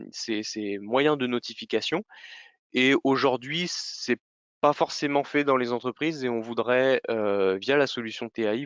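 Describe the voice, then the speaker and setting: Smooth-voiced man hosting a webinar. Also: mid-range voice, a bit bright, dry recording. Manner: hesitant, many fillers, self-corrections. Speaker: webinar host. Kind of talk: webinar presentation.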